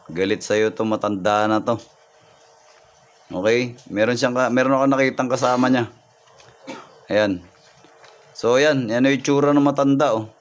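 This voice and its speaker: Man reading signs on a livestream. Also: medium pitch. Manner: repetitive, thanks viewers by name, points things out. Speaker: folk healer livestreaming readings. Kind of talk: live-stream reading and viewer shout-outs.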